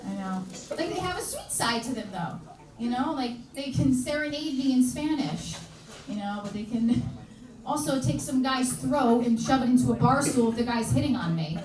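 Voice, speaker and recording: A woman's voice: sits high, lively intonation, moderate pace, darkish tone. A woman doing stand-up comedy in a live club, brash and chatty, teasing the audience. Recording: echoey club, heard from far off. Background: audience laughter.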